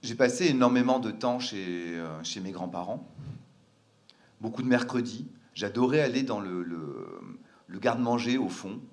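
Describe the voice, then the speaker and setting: A man's voice: lowish voice, normal speed, darkish tone. A man from France telling a personal family story, earnest and hesitant, with frequent fillers and restarts.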